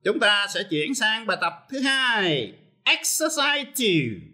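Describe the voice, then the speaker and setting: Male teacher, slow and bright, lively pitch, TV lesson. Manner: explains step by step, switching between Vietnamese and English. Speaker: English teacher. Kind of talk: televised lesson.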